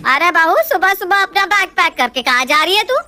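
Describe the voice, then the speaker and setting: A woman's voice: extremely high pitch, lively intonation, a little fast, sharp tone, no room sound, full character voice. A woman playing a stubborn older mother-in-law who scolds in a storybook reading. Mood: scolding.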